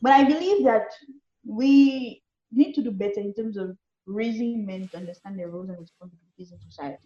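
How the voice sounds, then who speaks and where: A woman's voice: mid-range voice, a little fast, mellow, roomy sound, highs cut off. A woman from Lucia, a guest speaking candidly in casual conversation and often laughing. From Saint Lucia.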